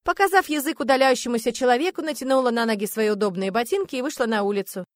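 A woman narrating a first-person story aloud, lively and playfully ironic. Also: fairly high pitch, fast, no room sound, studio quality. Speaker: audiobook narrator.

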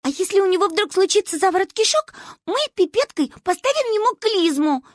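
A woman voicing an excitable, bold little girl who chatters shrilly and insistently. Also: extremely high pitch, normal speed, no room sound, studio quality, pitched above the performer's own voice. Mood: excited, pleading.

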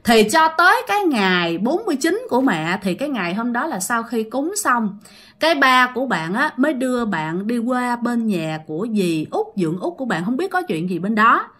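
Chatty Southern Vietnamese woman narrating a ghost story, bright, forward voice. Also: a little high, sing-song, moderate pace. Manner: chatty, addresses listeners directly.

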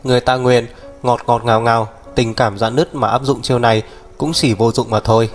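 A protective, bossy older brother, voiced by a male narrator in his own mid-range voice. He speaks firmly, as if laying down rules. Soft music runs underneath. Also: medium pitch, fairly even intonation, a little fast, natural voice. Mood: lecturing. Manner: firm, lecturing.

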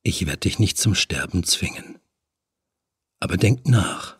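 A man voicing a seductive, hook-handed male demon whose body swarms with bees, murmuring low and sinking to a hushed whisper. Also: lively intonation, a little slow, breathy edge, no room sound, clean studio sound, heavily acted. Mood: menacing seductive.

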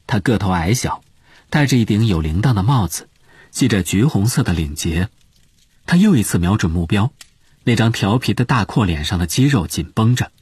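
A man narrating an audiobook as expressive scripted storytelling. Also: on the low side, moderate pace, slightly rough, no room sound.

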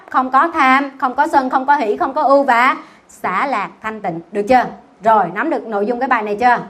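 Nun teaching sutra class, keeps asking questions n answering herself, playful, slightly high voice. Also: female voice. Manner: quizzes listeners, answers own questions; teasing, lively. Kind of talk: dharma talk with questions to the class.

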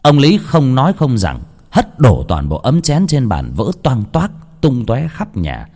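A man's voice: medium pitch, huge pitch swings, a little slow, darkish tone. A man telling a ghost story in a dramatic, theatrical reading style. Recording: long hall reverb.

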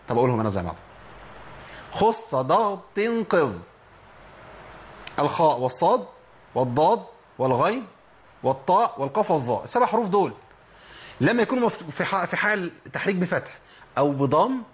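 A man's voice: on the high side, slight background noise. A man with an Egyptian Arabic accent teaching Quranic pronunciation, explaining step by step and answering his own questions. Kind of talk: instructional lesson on pronunciation.

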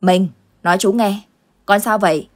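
A woman voicing a stern older village uncle who fights ghosts, gruff and commanding, in an audio ghost story. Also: medium pitch, steady tone, normal speed, lightly acted.

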